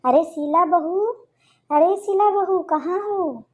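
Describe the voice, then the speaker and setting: A woman voicing an exasperated, sharp-tongued middle-aged mother-in-law in a cartoon story, scolding and complaining. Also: sits high, unhurried.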